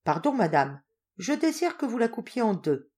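A woman's voice: a little high, big pitch swings, moderate pace, a little mellow, breathy edge, voice pushed up. A woman reading an audiobook, voicing a teasing male salesman who plays a prank with exaggerated, mock-polite courtesy.

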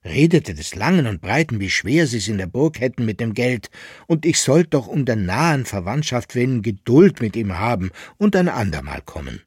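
An exasperated merchant grumbles about his troubles in a dry, close radio reading. A man reads him with a husky voice that carries a steady note of complaint. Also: mid-range voice, moderate pace, dry recording. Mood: aggrieved. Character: indignant middle-aged male merchant, grumbling.

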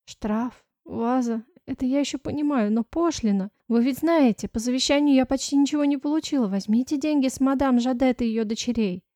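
A woman's voice: high voice, brisk, hardly any pauses, warm tone, no echo, clean studio sound, pitched above the performer's own voice, lightly acted. A woman reader voicing a grieving young heroine who pleads and protests through tears in an audiobook. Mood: pleading. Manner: pleading, distraught.

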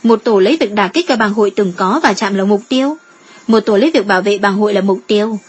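A woman voicing a calm, shrewd female guild strategist in a measured, reasoning tone. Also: medium pitch, breathy edge, natural voice.

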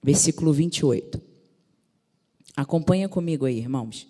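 A woman's voice: low-pitched, lively intonation, normal speed, warm tone. A woman pastor preaching a sermon, fervent, calling out to the congregation. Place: large church sanctuary. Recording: reverberant church hall.

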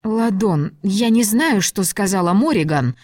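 A woman's voice: mid-range voice, expressive, unhurried, a little mellow, no echo, clean studio sound. A woman voicing a frightened young female captive, anxious and pleading.

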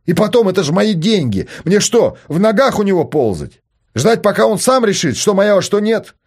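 A man voicing a foolish, excitable grown son, boastful and whiny. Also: sits high, moderate pace, voice pushed up, heavily acted. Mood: indignant.

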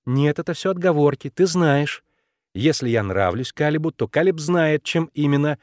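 A bossy, precocious eight-year-old girl pushes her questions, her voice swinging lively up and down, as a man puts her on. It is an audiobook read dry and close to the mic, with a teasing, insistent edge. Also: fairly high pitch, no room sound, natural voice. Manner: insistent, quick, conspiratorial questioning.

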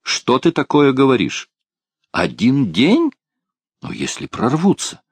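A man's voice: medium pitch, wildly swooping pitch, slow, slightly rough, no room sound, pitched above the performer's own voice, heavily acted. A man reading an anxious, hopeful male prisoner who asks urgent questions.

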